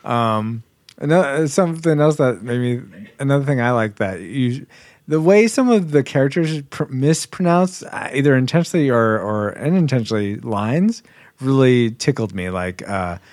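A man's voice: medium pitch, lively intonation, moderate pace, a little mellow, no echo. Guy hosting a film podcast, talks loose with lots of restarts, dry close sound. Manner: chatty, many restarts and fillers. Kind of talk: casual movie discussion.

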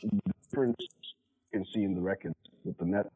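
A man's voice: deep voice, fairly quick, warm tone, slightly rough. A man co-hosting a casual sports chat, giving blunt opinions with a lot of slang. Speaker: podcast co-host. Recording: tinny phone-like remote line that breaks up.

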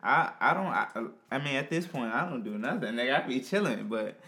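A man's voice: medium pitch, expressive, fairly quick, sharp tone. A young adult man co-hosting a casual podcast chat, laid-back and rambling with lots of fillers. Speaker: podcast co-host.

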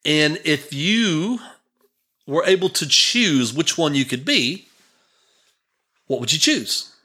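A man's voice: a little high, very animated, slow, bright, forceful tone, slightly rough. A man in his fifties, a church minister, telling a personal story in a rambling, conversational way. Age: 50s.

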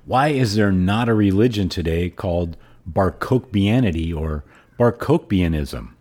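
A man hosting a podcast and reading aloud in a hoarse, froggy voice. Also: deep voice, lively intonation, measured pace, darkish tone. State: hoarse throat. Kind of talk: audiobook-style reading and podcast sign-off.

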